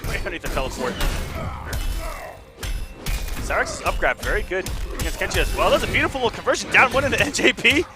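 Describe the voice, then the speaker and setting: Excitable higher-pitched male esports commentator. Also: rapid-fire, music in the background. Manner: excitable, informal exclamations. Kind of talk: live fighting game commentary.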